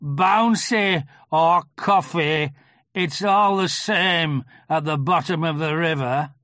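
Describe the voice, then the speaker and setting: A reader voicing a gloomy old male toy donkey in a children's storybook, gruff, ponderous and morose. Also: mid-range voice, takes it slowly, a bit bright, no room sound, clean studio sound, pitched above the performer's own voice. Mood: gloomy, sarcastic. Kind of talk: children's storybook character reading.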